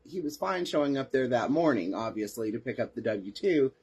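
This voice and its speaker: A man's voice: medium pitch, animated, brisk, darkish tone, husky. A man hosting a podcast, reading case reports aloud and breaking off for sarcastic asides and replies to listeners. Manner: sarcastic asides, answers chat comments. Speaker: podcast host.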